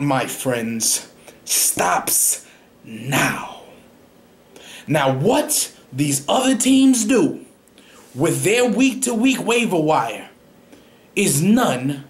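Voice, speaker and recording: A young man plays a coach fielding questions in a parody press conference, talking cocky and defensive and rambling off on tangents. His voice sits a bit high for a man and swings widely up and down. It is recorded close on a studio microphone in a small room. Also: big pitch swings, drawn-out words, pauses often. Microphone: large studio microphone close up.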